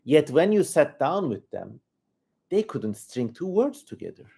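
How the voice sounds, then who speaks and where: A man's voice: fairly high pitch, big pitch swings, measured pace, gravelly, warm tone, slightly rough. A man with a Turkish accent hosting a livestream, giving casual commentary in an informal, rambling way as he thinks aloud. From Turkey. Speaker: livestream host.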